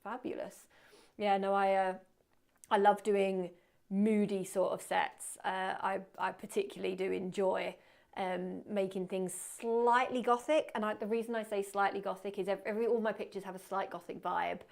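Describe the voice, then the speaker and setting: A woman teaching photography in a live webinar talks in a creaky, mid-range voice at a normal speed with fairly even intonation. Working indoors at her computer, she's chatty and self-deprecating and mutters quietly to herself.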